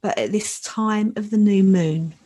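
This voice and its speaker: A woman leading a guided meditation in a soft, soothing, measured voice with long pauses. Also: mid-range voice, soft background music. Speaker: podcast host leading a meditation.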